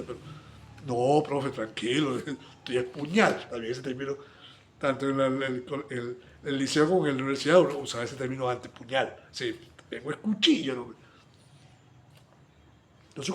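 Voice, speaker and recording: A man teaching a Bible study sermon, acting out little dialogues and swinging between loud exclamations and soft asides. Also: mid-range voice, a little hiss or hum.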